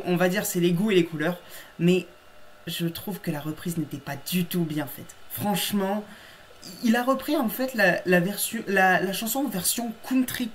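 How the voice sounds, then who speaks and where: A man's voice: high-pitched, fairly bright tone, a little hiss or hum. Man, casual reaction commentary, emphatic, self-mocking laughs, chatty. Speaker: YouTube host reacting to his old episode.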